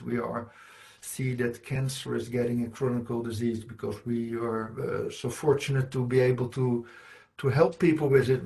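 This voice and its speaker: A man's voice: medium pitch, gravelly, darkish tone. A middle-aged man from the Netherlands, giving an earnest, explanatory conference presentation and often restarting his phrases. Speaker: conference speaker.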